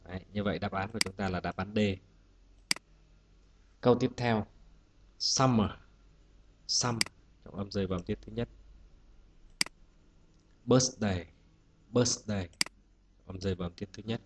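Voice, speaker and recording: A man's voice: low voice, fairly even intonation, fairly quick, pauses often, noisy background. A male teacher walking students through an exam-prep lesson, patient and methodical, saying each example word twice before explaining it. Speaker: English teacher.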